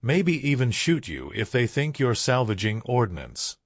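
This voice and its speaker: A man's voice: mid-range voice, very animated, unhurried, no echo. Guy doing a worried fisherman buddy, pleading, dry recording. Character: anxious, cautious fisherman deckhand.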